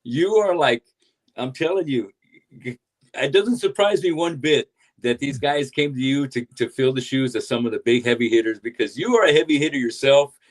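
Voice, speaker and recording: A man hosting a podcast interview, effusive and hyped, praising his guest and swearing for emphasis. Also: medium pitch. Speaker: podcast host.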